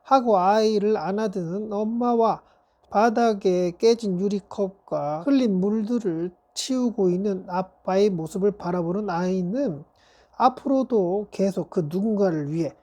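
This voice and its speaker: A woman's voice: medium pitch, measured pace, mellow. A woman narrating a family story in a casual, conversational way, asking the listener questions.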